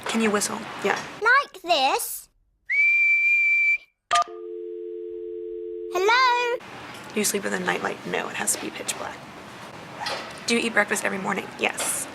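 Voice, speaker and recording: A young American woman with a lot of creak in her voice talks casually, like a vlogger answering questions for her viewers. She chews gum as she goes. Clear ambient noise sits behind her. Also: mid-range voice, sing-song, fast. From southern United States. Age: young adult. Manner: chewing gum while talking.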